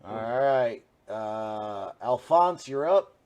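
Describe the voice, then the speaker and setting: A man's voice: medium pitch, extremely slow, muffled recording, a little hiss or hum. A man narrating as dungeon master in a tabletop game, easygoing and full of fillers. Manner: relaxed, filler-heavy narration.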